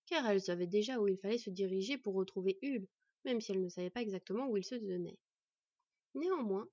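A woman narrating a fantasy audiobook in a steady storytelling voice. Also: medium pitch, slightly rough, no echo. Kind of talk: scripted narration. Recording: dull, dry recording.

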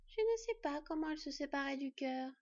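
A woman's voice: very high-pitched, fairly quick, no echo, pitched above the performer's own voice. A woman doing a cold, distant fox girl. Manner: flat, cold, detached. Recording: dull lo-fi recording.

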